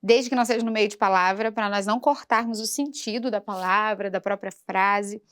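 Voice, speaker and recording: A woman's voice: medium pitch, fairly even intonation, fairly quick, a bit bright, clean tone. A woman singing teacher giving a patient vocal lesson for a church program and breaking into short sung demonstrations.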